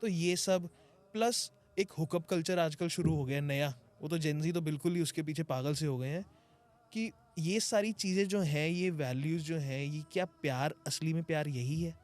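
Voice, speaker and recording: A man hosting a podcast, asking questions in a relaxed, conversational way. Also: on the high side, moderate pace. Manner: conversational, asks questions, gives short agreements. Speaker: podcast host. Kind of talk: podcast interview.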